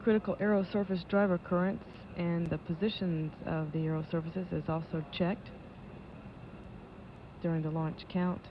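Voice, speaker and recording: A woman's voice: fairly low pitch, fairly even intonation. Lo-fi woman announcer giving launch commentary. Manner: measured, official, matter-of-fact. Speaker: launch control public affairs announcer. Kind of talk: live launch commentary, status updates. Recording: dull lo-fi broadcast audio with noise.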